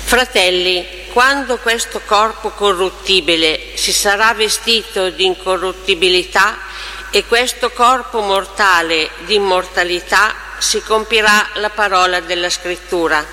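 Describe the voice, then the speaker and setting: A man's voice: sits high, unhurried, pushed and bright. A man declaiming a scripture reading as a lector at Mass in a large, reverberant church. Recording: long church reverb, faint noise.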